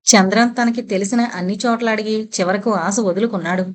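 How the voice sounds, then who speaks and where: A woman narrates a serialized audio novel in a steady, measured way. Her voice sits in an ordinary middle pitch for a woman.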